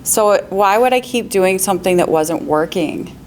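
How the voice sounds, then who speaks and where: Speaking at a normal pace with lively intonation, this real estate agent on a panel has a medium-pitched, darkish voice. Her advice is cheerful and practical, punctuated by frequent laughter and questions for the audience, over a slight hiss or hum.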